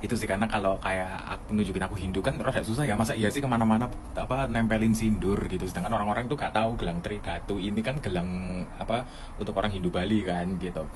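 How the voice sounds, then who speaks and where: A young man, a student abroad, telling a casual vlog story in an animated way and acting out the people he quotes. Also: on the low side, fast talker, noisy background. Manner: animated, acts out quoted dialogue. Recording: music playing under the voice.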